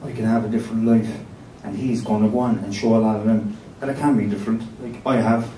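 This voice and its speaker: A man's voice: fairly even intonation, fast, dark tone. A man in his thirties with an Irish accent, speaking informally as a co-presenter at an event. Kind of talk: informal talk to an audience. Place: conference room with an audience. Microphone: handheld microphone. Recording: echoey distant room, faint rumble.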